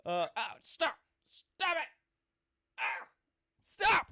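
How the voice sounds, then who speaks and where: A man's voice: very animated, moderate pace, fairly bright tone, full character voice. A man voicing a groggy, hostile male elf held captive, groaning and threatening. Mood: pained. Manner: groaning, threatening, shrill when hurt.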